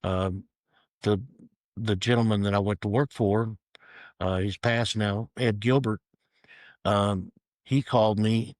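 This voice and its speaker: Middle-aged agent guest, low and relaxed, deadpan jokes, dry studio sound. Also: male voice, no echo. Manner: easygoing, dry humor. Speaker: real estate agent, guest. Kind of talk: casual interview storytelling.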